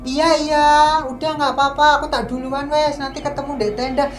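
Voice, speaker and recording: A woman's voice: high-pitched, flat delivery, fairly quick, faint music behind, voice pushed up, lightly acted. A woman voicing a carefree young female hiker who talks breezily and affectionately. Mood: breezy. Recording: echoey room.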